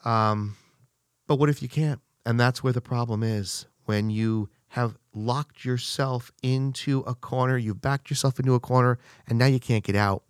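A man talks casually through advice for working with clients, his voice sitting at an everyday middle pitch. The recording is dry and close, with no room sound around him. He often lifts his voice to act out what clients and colleagues might say. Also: steady tone, moderate pace, smooth, no room sound. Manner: conversational, acts out quoted dialogue with rising pitch. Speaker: business speaker. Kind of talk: casual monologue on business advice.

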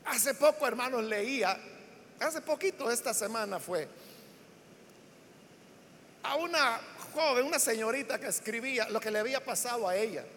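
A man preaching a sermon in a church hall, emphatic, building repeated lists and rising into shouts on key words. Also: very high-pitched, lively intonation, moderate pace, long pauses, slight background noise. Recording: long hall reverb.

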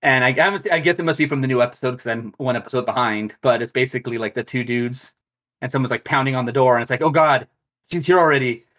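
A man's voice: medium pitch, fairly even intonation, fast talker. A man co-hosting a podcast in casual chat, rambling and slangy. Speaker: podcast co-host. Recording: dull lo-fi sound.

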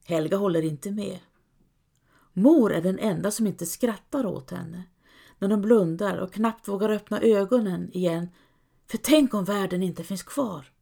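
A woman reading a story aloud as calm scripted narration, lightly voicing quoted characters. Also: mid-range voice, gravelly. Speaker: audiobook narrator.

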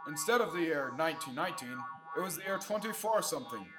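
This is a young adult male performing a 1930s-style radio serial role, an eager, adventurous space hero who is earnest and full of gee-whiz zeal. His voice is a little high, natural and expressive, and he speaks fast over music, sounding earnest and proud.

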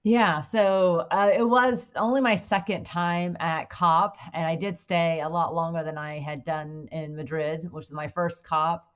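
A woman's voice: fairly low pitch, steady tone, unhurried. A woman guest in an interview, explaining her work fluently with frequent "you know" fillers. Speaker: guest, corporate affairs executive at a utility. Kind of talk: casual interview conversation.

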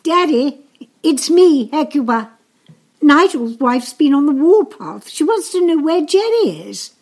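A woman's voice: high-pitched, sing-song, measured pace, a little mellow, full character voice. An actress playing a grown daughter leaving her father a chatty warning in a voicemail played over a phone. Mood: breezy. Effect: voicemail message played over a phone.

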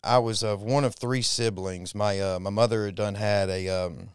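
A man, likely in his thirties, telling his life story as an interview guest in a halting, reflective way with frequent pauses. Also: fairly low pitch, fairly even intonation, clear, resonant tone, dry recording, studio quality. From Texas, raised in Mississippi. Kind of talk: personal testimony interview.

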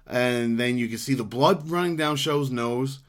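A man's voice: medium pitch, a little slow. A man co-hosting a podcast, recapping old wrestling shows in a casual, rambling way, swearing freely and laughing often. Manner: rambling, profane, laughs often, frequent fillers. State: hiccuping. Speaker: podcast co-host.

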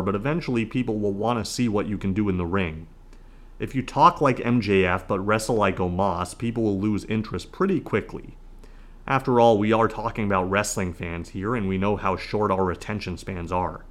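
A man hosting a podcast, giving scripted solo commentary in a measured, announcer-like way. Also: on the low side. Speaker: podcast host.

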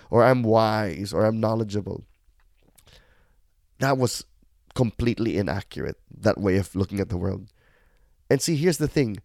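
A man's voice: mid-range voice, darkish tone, no room sound, clean studio sound. A middle-aged man, hosting a reflective podcast monologue in a candid, self-deprecating, conversational way. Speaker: podcast host.

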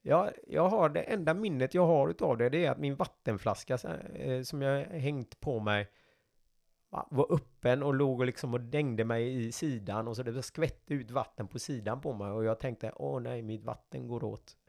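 Gravelly-voiced man telling stories. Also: mid-range voice. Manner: lively, acts out voices in his stories. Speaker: podcast guest, former coast ranger. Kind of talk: casual anecdotal storytelling.

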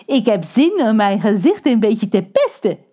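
A woman's voice: on the high side, sing-song, a little slow, dark tone, in a large hall. A woman doing a spiteful gleeful pirate man. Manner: mocking, bossy, taunting. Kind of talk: children's audiobook character voice.

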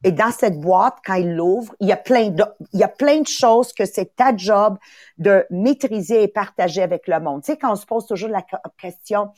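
A woman's voice: medium pitch, normal speed, a little mellow, dry recording, studio quality. A woman hosting a motivational podcast, upbeat, repeating words for emphasis and slipping into English. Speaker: podcast host and coach. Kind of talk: motivational live talk.

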